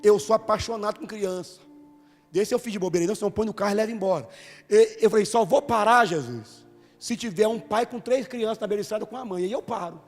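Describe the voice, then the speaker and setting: A man with a Brazilian Portuguese accent preaching a sermon to a congregation, moving from storytelling to loud, fervent preaching. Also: sits high, fast talker. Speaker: pastor. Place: church hall. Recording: reverberant church hall with music.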